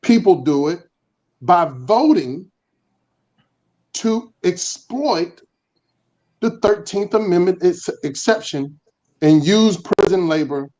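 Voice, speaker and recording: A man speaking earnestly in a virtual panel discussion, pausing often with fillers and restarting his sentences. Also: high-pitched, expressive, a little mellow, low-quality recording. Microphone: video call.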